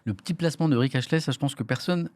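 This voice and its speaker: A man's voice: a little high, rapid-fire, darkish tone, dry recording. A man hosting a live studio talk show, playfully teasing his guests and running a little quiz. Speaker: host.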